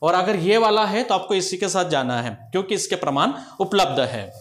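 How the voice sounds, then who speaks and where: A man's voice: high-pitched, fairly quick, a bit bright. A man teaching a grammar lesson, explaining step by step and often checking that the students follow.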